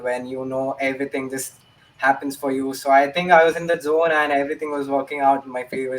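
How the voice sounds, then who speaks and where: A man's voice: mid-range voice, a little hiss or hum. A young man, answering interview questions about his matches in an earnest way and repeating his key phrases. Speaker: esports player. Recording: voice distant from the mic.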